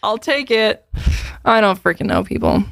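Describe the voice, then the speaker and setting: A woman's voice: mid-range voice, expressive, moderate pace, vocal fry, a bit bright, no room sound, studio quality. Chatty woman in her twenties. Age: 20s. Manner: chatty, fills with "like" often. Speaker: podcast co-host. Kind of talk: casual podcast chat.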